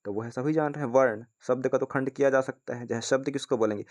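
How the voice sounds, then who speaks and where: A man's voice: medium pitch, fast talker, a little mellow. Man, teacher, casual exam-prep lesson, reads questions aloud, keeps checking in viewers. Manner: repeats checks like "ठीक है ना", addresses viewers as friends. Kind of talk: casual spoken lesson, reading quiz questions.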